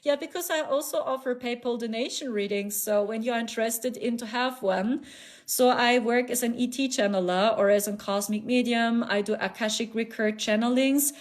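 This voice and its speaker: Hosting a live stream as a spiritual channeler, a woman with a German accent speaks in an earnest, repetitive, soothing way, laughing lightly and often. Her voice is a little high and her pace is normal.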